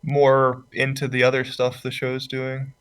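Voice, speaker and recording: A man's voice: medium pitch, monotone, a little slow, a bit bright, clear, resonant tone. A man giving his analysis of an anime episode in casual chat, hedging and restarting his phrases.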